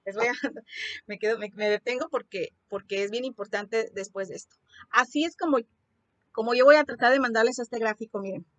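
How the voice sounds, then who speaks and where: A woman's voice: on the high side, a little fast, fairly bright tone, no echo, highs cut off. A woman teaching a secondary school music lesson online, explaining step by step with frequent fillers and restarts.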